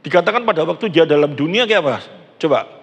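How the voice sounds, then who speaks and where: A pastor in his sixties with an East Javanese accent delivers a conversational sermon in a large church hall, chatting and putting questions to the congregation. His voice is on the high side, animated and fast, and the reverberant recording has its highs cut off.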